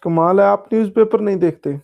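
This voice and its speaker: A man's voice: high-pitched, fairly quick, creaky, highs cut off. A male teacher, giving a casual online lecture and answering student chat, often saying "okay" and "yes". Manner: casual, repeats "ठीक है" and "हाँ जी" often.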